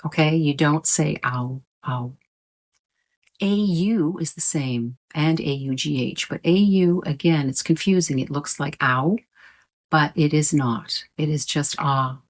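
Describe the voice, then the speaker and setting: A woman's voice: low voice, a little slow. A woman teaching English pronunciation in a patient, explanatory way, repeating points and stretching out vowel sounds to demonstrate them. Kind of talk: slow explanatory lesson.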